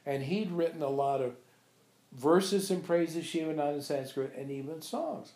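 An older man, a monk and abbot, informally relates anecdotes about his teacher to a small group, animatedly playing out the dialogue he quotes. His slightly high, darkish voice is animated at a moderate pace. The recording comes from an echoey room with a few visitors.

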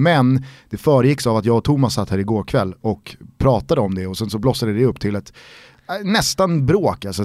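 Swedish podcast host dude, animated, talks in quick bursts, dry mic. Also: male voice, medium pitch, dry recording. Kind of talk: casual podcast chat.

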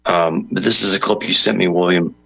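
A man's voice: deep voice, fairly even intonation, a little fast, creaky, pushed and bright, breathy edge, low-quality recording. A man hosting a talk show, casually setting up the next segment and repeating words as he goes. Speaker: show host.

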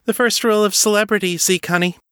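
A man voicing a cold, teasing celebrity actress in a high, breezy, mocking voice. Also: steady tone, quick pace, bright, forceful tone, clear, resonant tone, no room sound, clean studio sound.

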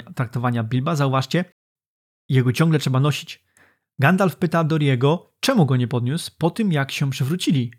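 A man co-hosting a book discussion podcast, explaining in a conversational way. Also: fairly high pitch. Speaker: podcast co-host.

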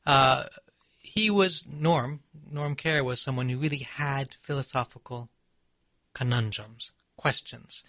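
A man from Seattle, an author and poet being interviewed, who speaks in a measured, reflective way with frequent pauses and ums. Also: mid-range voice, pushed and bright, dry recording. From Seattle, USA. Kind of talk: thoughtful conversational interview.

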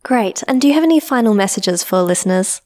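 A woman interviewer asking quick, upbeat questions. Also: medium pitch, expressive, darkish tone.

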